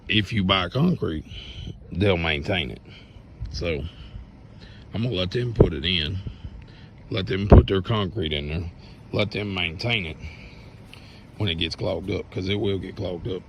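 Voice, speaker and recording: A man with a sore, hoarse throat talks in a plain, rambling way while showing his rural land. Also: low-pitched, measured pace, long pauses. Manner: plain-spoken, rambling, folksy. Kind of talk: casual walk-around vlog. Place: outdoors on rural property. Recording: outdoor noise behind voice.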